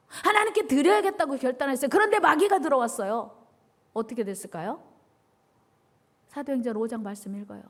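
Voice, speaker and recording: A woman pastor preaching a sermon, leading the congregation in call-and-response with emphatic repetition. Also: sits high.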